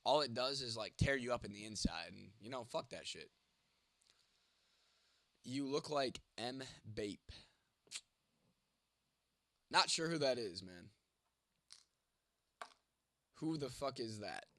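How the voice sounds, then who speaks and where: A young man chats loosely with his livestream audience, swearing freely and answering comments one by one. His voice sits at an ordinary middle pitch and is recorded close and dry in a small room. A sore throat gives him the odd cough. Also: animated, a little slow, pauses often, fairly bright tone, no echo. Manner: profane, rambling, answers chat comments by name. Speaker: livestream host reading chat. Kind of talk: casual livestream chat.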